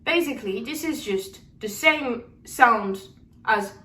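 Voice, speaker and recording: A young woman with a high voice teaches a singing lesson with vocal exercises, demonstrating lip trills and sung syllables. She's relaxed and encouraging, often stopping to check in with students. She sounds slightly distant from the mic in an echoey room, with soft instrumental music faintly behind her.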